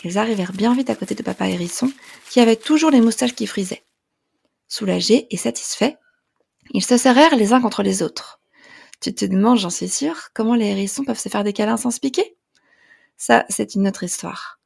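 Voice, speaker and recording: A woman narrating a children's storybook in a gentle, lilting way. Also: medium pitch, moderate pace, vocal fry, breathy edge. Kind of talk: storybook reading.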